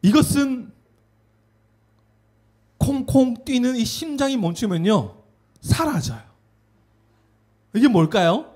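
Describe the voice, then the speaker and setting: A man giving an animated children's sermon, telling a story and having the kids repeat words after him. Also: extremely high pitch, slow, pauses often. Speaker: children's pastor.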